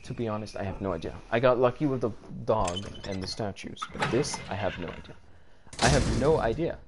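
A man's voice: on the low side, fairly quick. A young man commenting on his own gameplay, frustrated, rambling and swearing as he goes. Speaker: gamer. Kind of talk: let's play commentary. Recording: audible background noise.

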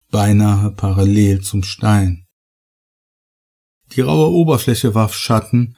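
Male horror audiobook narrator, dark and mellow tone, raspy edge, measured delivery. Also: on the low side.

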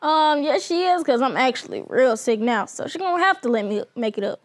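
Actress as a cheeky high-voiced teenage schoolgirl. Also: sing-song, fairly quick, no room sound. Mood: nonchalant, smug. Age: teen. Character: sly, lazy schoolgirl faking sickness, casual and cheeky. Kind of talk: comedy skit acting. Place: living room couch.

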